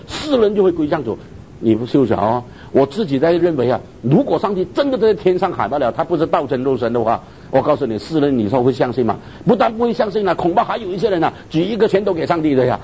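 Animated preacher, man. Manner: animated, keeps asking listeners "right?", mixes in English terms. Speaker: preacher on missions. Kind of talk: sermon. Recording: dull lo-fi recording with faint rumble.

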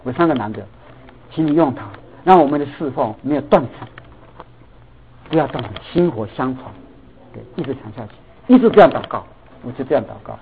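A middle-aged man preaching a sermon, telling a family story in an animated way and mixing English words into his talk. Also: mid-range voice, fairly quick, pauses often, a little hiss or hum. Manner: animated, acts out dialogue, mixes in English words. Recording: tinny phone-like sound.

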